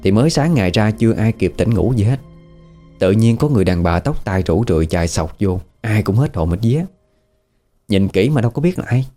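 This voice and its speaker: Low, mellow-voiced Southern Vietnamese man. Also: expressive, brisk, soft background music. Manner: chatty, conversational, asks the listener questions. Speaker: storyteller. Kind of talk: casual spoken horror storytelling.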